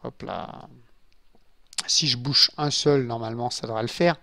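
A man talks through a building session at his home computer, relaxed and slow, often addressing his viewers in asides. His medium voice is recorded dry and close at the desk. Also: medium pitch, creaky, dry recording. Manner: chatty, muttering asides to viewers. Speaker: gaming YouTuber. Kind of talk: casual let's-play commentary. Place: home room with a glass desk.

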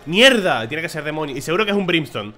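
A man giving casual, excitable commentary on his own gameplay, swearing when surprised and talking to himself. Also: a little high, rapid-fire, soft background music. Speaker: gameplay streamer.

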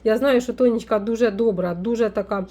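A woman from Ukraine, a folk witch vlogger, chatting warmly as she unpacks a parcel, full of fond diminutives. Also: fairly high pitch, fairly quick. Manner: warm, doting, with many fond diminutives. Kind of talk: casual unboxing vlog.

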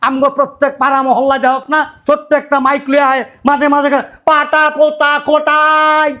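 An actor playing a loud middle-aged father-in-law who keeps berating his idle son-in-law. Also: very high-pitched, monotone, fairly quick. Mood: furious. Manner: shouting, berating, repetitive rants.

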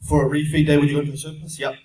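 A young New Zealand man, a fitness speaker, answers audience questions in a casual seminar Q&A, explaining plainly and steadily at a rapid-fire pace in a slightly high voice. He holds a handheld mic, but the sound comes from a distant camera in a large, echoey expo conference room.

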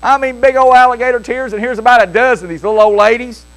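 An older man preaching a sermon, telling a homespun, jokey story in a lively, folksy way. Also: extremely high pitch, fast talker, rough recording. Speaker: pastor.

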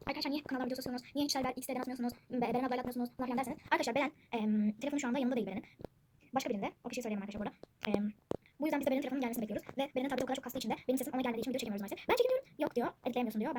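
A woman's voice: a little high, very fast. A woman chatting casually to viewers while playing a game and commenting on it. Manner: chatty, addresses viewers constantly. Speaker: gaming channel host. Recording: noisy background with siblings chattering. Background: siblings talking in the background.

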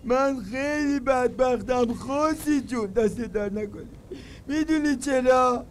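An actor voicing a clumsy, good-hearted cow who whines and makes silly wordplay. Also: male voice, very high voice, a little hiss or hum. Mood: miserable. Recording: film soundtrack music behind.

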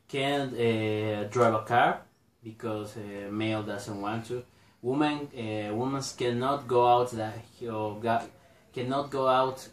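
Young guy talking real slow for class, lots of uhs, echoey room, sounds a bit far from the mic. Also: medium pitch. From Bolivia. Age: young adult. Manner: halting, many filler uhs and restarts. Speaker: student presenter. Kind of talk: class presentation. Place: small indoor room.

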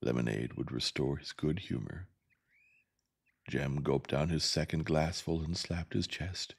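A man narrating a novel in a gentle, soft ASMR reading. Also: a bass voice, a little slow, vocal fry, breathy edge.

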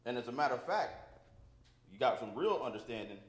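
Call-and-response preacher in an echoey church. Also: male voice, mid-range voice, very animated, a little fast. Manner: call-and-response, asks the congregation "right?"; plain-spoken, informal grammar. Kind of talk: sermon. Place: church sanctuary.

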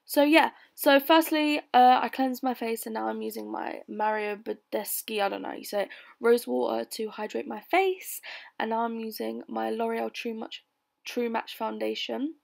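Bored sounding young british girl talking thru her makeup routine, kinda high voice w lots of vocal fry. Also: normal speed. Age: young adult. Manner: bored, low-energy, flat delivery. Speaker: beauty vlogger. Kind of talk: casual makeup tutorial voice-over. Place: bedroom, voice-over recorded lying on bed.

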